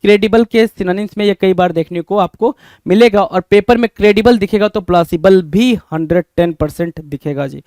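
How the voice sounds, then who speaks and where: A man with an Indian accent teaches English words, mixing Hindi and English and asking his class the same question again and again. His voice sits high and sounds smooth and clear. The sound is dry and close, with no room echo. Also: fairly quick, darkish tone. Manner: repeats questions to students, calls them brother. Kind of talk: Hindi-English vocabulary lesson.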